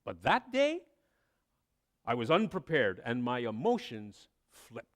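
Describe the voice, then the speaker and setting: Man, pastor, sermon, slow delivery, animated pitch, dramatic pauses. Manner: expressive storytelling, dramatic pauses.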